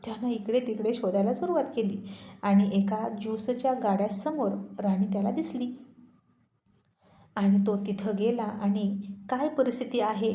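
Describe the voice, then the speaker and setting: A woman narrating a serialized story in a steady, expressive way. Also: fairly high pitch, moderate pace. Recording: roomy echoey recording.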